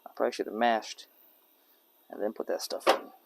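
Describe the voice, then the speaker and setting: Gravelly man chatting while cooking outdoors. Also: fairly low pitch, brisk, very noisy. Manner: rambling, talks to his dog and jokes to himself. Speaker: camping vlogger. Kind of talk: casual talk to camera while cooking. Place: outdoor campsite by a truck.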